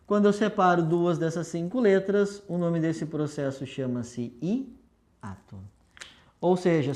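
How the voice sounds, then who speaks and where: A woman's voice: on the low side, darkish tone. A woman teacher, patiently explaining a lesson step by step with rhetorical questions and an affectionate tone toward her students. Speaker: language teacher. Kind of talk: recorded video lesson at a whiteboard.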